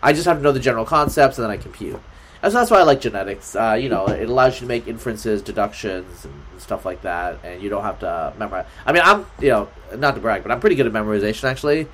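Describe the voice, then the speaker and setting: A man's voice: on the low side, quick pace, a little hiss or hum. A man as a podcast guest, talking in a loose, rambling way with lots of fillers. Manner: rambling, filler-heavy, lively. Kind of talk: casual conversation.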